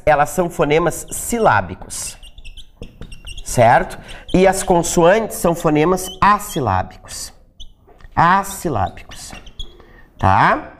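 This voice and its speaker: A woman teacher giving an exam-prep lecture, explaining step by step, checking in with her class after almost every phrase and sounding out example sounds, with chatty asides. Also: lowish voice. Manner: sounds out speech sounds to demonstrate; chatty asides with dry humor.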